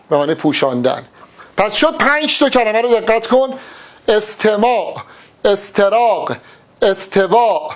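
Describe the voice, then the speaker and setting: A man teaching an exam-prep Arabic grammar lesson, talking through each test answer step by step and speaking directly to the student. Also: high voice. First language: Persian.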